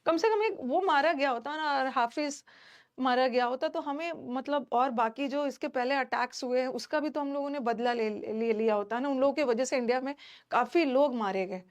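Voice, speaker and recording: A young Indian woman with a high voice teaches an online class. She talks in a chatty, emphatic way and keeps dropping fillers between points. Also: normal speed. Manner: chatty, emphatic, many fillers like "theek hai". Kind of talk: casual classroom talk to students.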